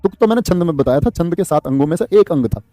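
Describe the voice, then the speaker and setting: Male exam teacher, fairly high, mellow voice, dry close sound, quizzes his class as he goes. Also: fast, no room sound. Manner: lively, quizzing students, reading out their comments. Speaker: Hindi exam-prep teacher. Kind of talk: live online class.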